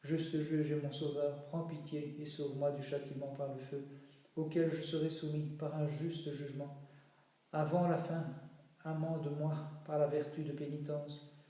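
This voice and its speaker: A man chanting a slow, solemn liturgical reading in a chapel, moving between spoken lines and sung refrains. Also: fairly high pitch, little pitch movement, mellow. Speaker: reader of liturgical texts. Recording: very echoey chapel, voice from far off.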